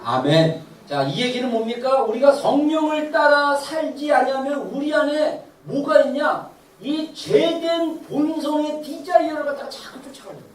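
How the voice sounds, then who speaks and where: A pastor giving a Sunday sermon in a church sanctuary, telling stories with animated acted-out voices and frequent laughter. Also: sits high, normal speed, a little hiss or hum. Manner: animated, acts out quoted voices; laughs while preaching. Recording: roomy echo, distant mic, faint ambience.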